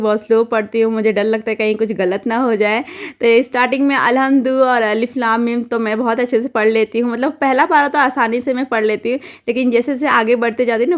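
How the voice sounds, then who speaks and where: A young adult woman, a mother, narrating her daily routine in a casual, chatty voice-over with many fillers and restarts. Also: a little high. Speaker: vlogger and mother.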